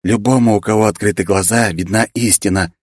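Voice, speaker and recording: Preachy audiobook sage, voiced by a male narrator; low, hushed, lecturing tone. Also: fairly quick, no echo, studio quality, natural voice. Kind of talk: audiobook character reading.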